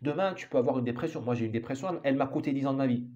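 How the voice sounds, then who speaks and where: A man's voice: medium pitch, rapid-fire, a little mellow, dull audio. A man giving an opinionated monologue as an author, emphatic and full of restarts and repeated words. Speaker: author commenting on society.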